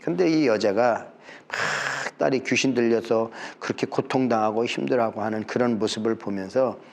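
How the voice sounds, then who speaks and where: A man's voice: medium pitch, normal speed, vocal fry. A man preaching a Sunday sermon as pastor, fervent and repetitive, acting out short quoted exchanges from scripture.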